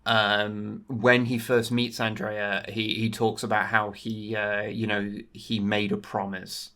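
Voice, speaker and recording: A man co-hosting a podcast, chatting about a film in a relaxed, halting, sweary way. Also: on the low side. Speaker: podcast co-host. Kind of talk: casual chat.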